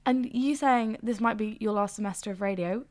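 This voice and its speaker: A woman's voice: medium pitch, moderate pace, darkish tone. A young woman hosting a student podcast, chatty and friendly, laughing easily. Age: young adult. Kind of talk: casual interview chat.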